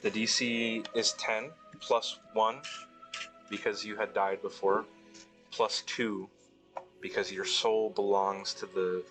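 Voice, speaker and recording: Low-voiced man running a tabletop game. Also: flat delivery, poor audio. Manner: slow, descriptive narration with fillers. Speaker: game master. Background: background music.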